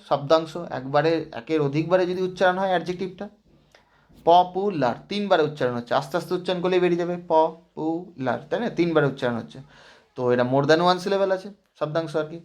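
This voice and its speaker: A man teaching grammar as a lesson, explaining step by step and asking rhetorical checks. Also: a little high. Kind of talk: classroom lesson.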